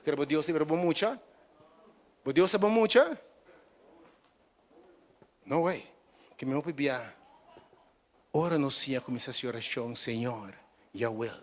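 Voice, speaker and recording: A man preaching a sermon, dropping to quiet talk and then rising to loud, emphatic peaks. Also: mid-range voice, a little slow, long pauses. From Curaçao. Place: church broadcast on radio.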